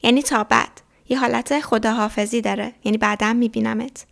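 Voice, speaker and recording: A woman teaching a language lesson, saying each phrase clearly, repeating it slowly, then explaining it quickly. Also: fairly high pitch, steady tone, a bit bright. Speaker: French teacher.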